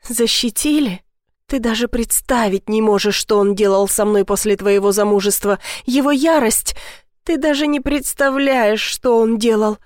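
A woman's voice: fairly high pitch, normal speed, darkish tone, no echo, clean studio sound, close to an everyday voice. A woman voicing a guilt-ridden young sister who pleads in a breaking voice. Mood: bitter.

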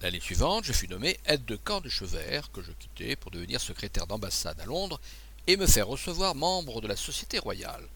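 Guy doing a confident officer, teasing and sure of himself, gravelly voice. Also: medium pitch, sing-song, brisk, background noise. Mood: recounting. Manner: assured, teasing, storytelling. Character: confident male naval officer, brisk and teasing. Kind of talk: audiobook dialogue.

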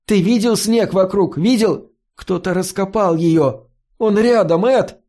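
A man's voice: a little high, animated, a little slow, a little mellow, voice pushed up. A man voicing an impatient, nervous teenage boy in an audiobook, his lines urgent and scolding. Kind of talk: audiobook character voice.

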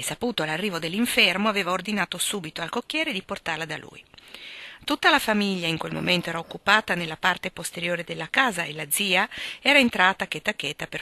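A woman narrating a classic novel as an audiobook, measured and expressive. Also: lowish voice, no room sound. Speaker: audiobook reader.

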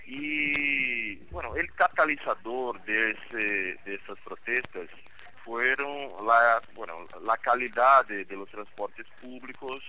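A man's voice: medium pitch, pushed and bright, slight background noise, poor audio. A man with a Brazilian accent, a native Portuguese speaker, giving commentary as a guest journalist in a second language and searching for his words. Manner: halting, searching for words in non-native Spanish. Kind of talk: live radio interview commentary.

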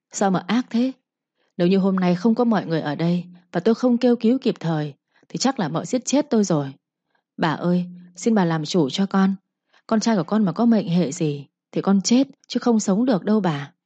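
A woman voicing a scheming young concubine who wails and pleads for pity in a shrill, whiny voice. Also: dark tone, husky, no echo, lo-fi sound.

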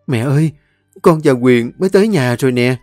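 A man voicing a caring elder sister who speaks in a gentle, coaxing way. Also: medium pitch, expressive, fairly quick, no room sound, studio quality, faint music behind, lightly acted. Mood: excited.

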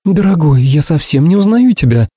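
Man putting on a shrill gushing young woman. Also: lively intonation, normal speed, warm tone, dry recording, studio quality. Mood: plaintive. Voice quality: piercing shrill voice. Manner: effusive, sprinkles every phrase with endearments. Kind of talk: audiobook character voice.

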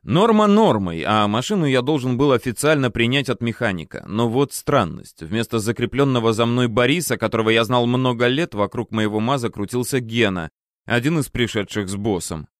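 A man reads a first-person story aloud in a measured, wry storytelling manner. His voice sits at an ordinary middle pitch. The sound is dry and close, with no room around it. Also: lively intonation, dry recording. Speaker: narrator.

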